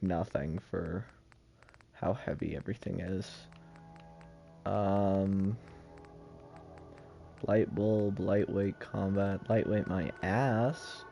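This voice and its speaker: A man's voice: sits low, vocal fry, dark tone. A man streaming a video game live, who chats loosely to himself and swears as he sorts his gear. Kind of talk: casual gameplay commentary.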